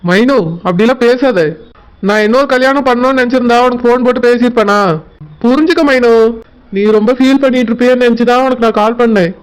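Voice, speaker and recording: A man plays a young doctor husband in a cartoon, his voice very high and quick, smooth and crisp. He coaxes his crying wife calmly, telling her to be patient. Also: rough recording. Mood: coaxing. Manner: calm, coaxing. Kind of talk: cartoon voice acting.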